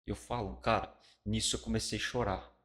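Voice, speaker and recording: Speaking fairly quickly in a lowish, steady voice, a middle-aged guest pastor with a Brazilian Portuguese accent recounts his personal testimony. His talk is colloquial and animated, though he lowers his voice to a hush at the solemn points.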